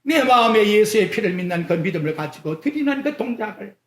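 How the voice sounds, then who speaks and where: Animated preacher in an echoey church. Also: medium pitch, fairly quick. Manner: animated preaching with rhetorical questions to the congregation; swings between loud exclamations and quiet asides. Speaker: pastor. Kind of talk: sermon. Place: church sanctuary.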